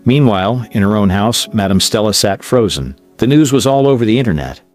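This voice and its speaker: A man narrating a drama story in a measured, expressive way. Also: lowish voice. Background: faint music.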